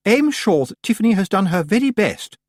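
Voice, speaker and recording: A man voicing a pompous, falsely polite middle-aged woman witch with a high, sugary voice. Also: very animated, brisk, no room sound, studio quality. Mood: falsely sweet. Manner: falsely polite, gushing, grave.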